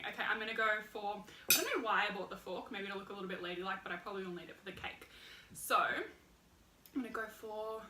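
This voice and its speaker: Aussie girl doing her first eating show, bright and bubbly, sounds far off in an echoey room. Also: mid-range voice, a little hiss or hum. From Australia. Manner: chatty and excitable, says she is projecting her voice. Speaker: mukbang vlogger. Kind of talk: casual eating-show chat to camera. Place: hot room at home, indoors. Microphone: camera set far away. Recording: echoey room, camera at a distance.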